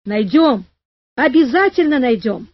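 A woman's voice: high voice, sing-song, a little slow, no room sound, muffled recording, full character voice. A woman reading the lines of an anxious, kindly older male professor in a storybook. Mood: reassuring.

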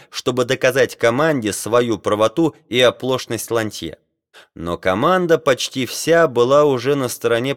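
A man reading an adventure novel aloud in steady, measured narration. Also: medium pitch, dry recording, clean studio sound. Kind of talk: audiobook reading.

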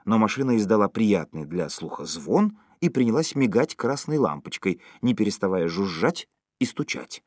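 A man narrating a humorous story as an audiobook. His voice sits low and moves a lot in pitch as he tells it. The sound is dry and close. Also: moderate pace, no room sound. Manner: expressive, storytelling. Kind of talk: audiobook reading.

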